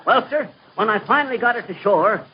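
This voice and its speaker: A bragging, folksy teller of tall tales, who rambles and trips over his words in a fairly high voice. The sound is a scratchy, noisy 1930s radio broadcast with dull, muffled highs. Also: lively intonation, fairly quick. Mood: boastful. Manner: folksy rambling yarn-spinner, slips of the tongue. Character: boastful middle-aged man spinning tall tales. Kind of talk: 1930s radio comedy acting.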